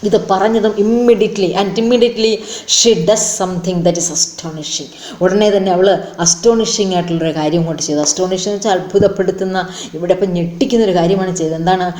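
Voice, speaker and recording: A woman teacher gives a bilingual lesson in a medium-pitched voice. She reads each English line slowly, then unpacks it word by word. The recording sounds roomy, with a lot of echo around her voice. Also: steady tone, a little mellow.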